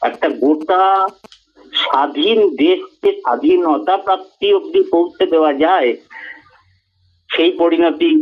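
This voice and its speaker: A man gives an earnest radio talk as a guest speaker, making his points in measured, emphatic phrases. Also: a little high. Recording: tinny phone-like radio audio.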